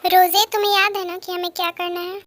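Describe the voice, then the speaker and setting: A woman plays a scheming, smooth-talking teenage boy who gives orders. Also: very high voice, flat delivery, brisk, fairly bright tone, no room sound. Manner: bossy.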